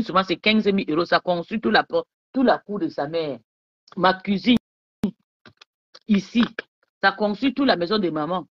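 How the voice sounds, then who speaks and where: Drinking wine in her bedroom during a relaxed live stream, a woman with a lowish voice boasts and mocks her rivals. She rambles and keeps checking if her viewers got it, and the sound is lo-fi with no echo.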